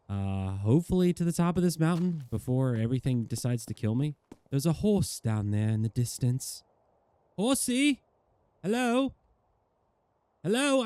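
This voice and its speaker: A man's voice: mid-range voice, dark tone, no room sound. A man in his thirties giving casual, rambling and earnest commentary over a game, chatting to the viewer and teasing the animals in the game. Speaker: gaming YouTuber.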